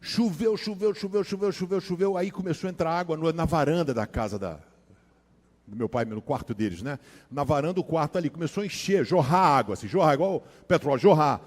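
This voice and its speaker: A Brazilian man preaches in a casual, slang-filled way, dropping to hushed asides and then rising into loud, dramatic storytelling. His voice sits fairly high for a man. Long reverb from a large hall trails after his words. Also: animated, fairly quick. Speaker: pastor. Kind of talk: sermon with personal storytelling.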